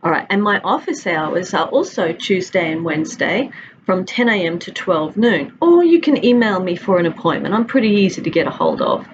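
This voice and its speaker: Speaking into a webcam at her desk, this university instructor, a middle-aged Australian woman, introduces her course from an office with a large window. Her voice sits on the low side and is very animated at a moderate pace, friendly and conversational, drawing out items in lists. The sound is lo-fi with slight background noise.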